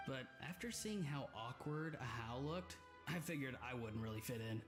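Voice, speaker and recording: Actor as a young man quietly masking disappointment. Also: mid-range voice, animated, moderate pace, natural voice. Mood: hidden disappointment. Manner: hidden disappointment, downplayed. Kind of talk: video game voice acting. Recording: loud music behind the voice. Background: game music.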